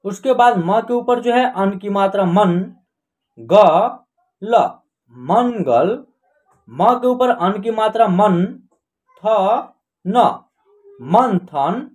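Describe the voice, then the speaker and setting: A man hosting an online reading lesson, spelling words out slowly sound by sound and often checking that the viewer is following. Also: sits high. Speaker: online Hindi teacher and channel host. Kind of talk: slow classroom lesson, spelling out words syllable by syllable.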